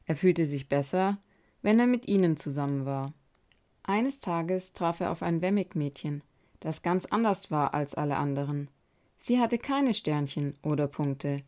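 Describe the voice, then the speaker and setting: A woman podcast host reading a children's story aloud in a calm, measured way. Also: low voice.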